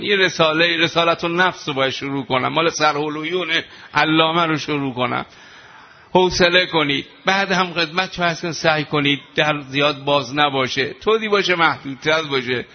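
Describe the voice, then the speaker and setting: A man's voice: on the high side, lo-fi sound. A man preaching an impassioned mourning sermon, his voice breaking into weeping and wailing.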